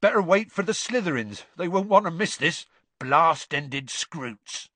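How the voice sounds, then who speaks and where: A man's voice: fairly high pitch, lively intonation, a little slow, bright, forceful tone, no room sound, voice pushed up, heavily acted. Hagrid, hearty gamekeeper done by a male reader. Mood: cheery. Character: huge cheerful man gamekeeper.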